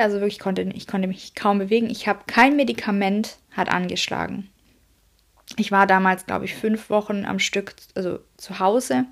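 A woman's voice: mid-range voice, gravelly. A woman coach telling a personal story in an emotional way, speaking directly to her listeners. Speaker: self-employed coach.

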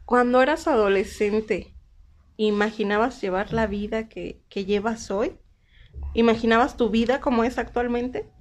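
A woman's voice: fairly high pitch, fairly even intonation, a little slow. A woman hosting a casual podcast interview, playful and teasing with her guest. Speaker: podcast host.

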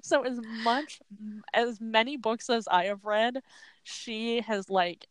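A woman's voice: a little high, takes it slowly, clear, resonant tone, dry recording. A woman hosting a casual chat show, rambling informally in a slightly wheezy voice as if a little unwell. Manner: rambling, informal, laughs easily. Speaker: podcast host.

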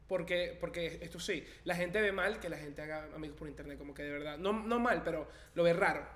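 A man with a Venezuelan accent, a comedian hosting a podcast, chatting casually with joking, excitable interjections. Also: on the high side, fairly quick. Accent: Venezuelan Spanish. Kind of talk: casual chat.

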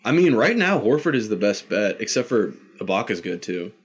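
A man's voice: lowish voice, sing-song, a little fast, breathy edge. A young man in casual chat with a friend, rambling with lots of fillers and frequent laughter.

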